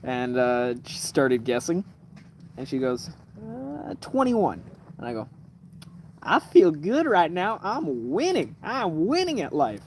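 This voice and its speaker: With a slightly high, darkish voice whose pitch swoops wildly, a twentysomething man speaks slowly while hosting a casual livestream. His stories ramble, laced with swearing, fillers, and restarts, told at night from a kerosene-lamp-lit room. A little hiss or hum is audible.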